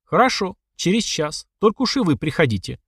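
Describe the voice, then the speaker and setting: A man's voice: fairly high pitch, very animated, a little fast, fairly bright tone, husky, dry recording, studio quality, voice pushed up, exaggerated voice. A man voicing a fretful, fawning commoner who runs street fights, whining and nearly shrieking. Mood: reluctant.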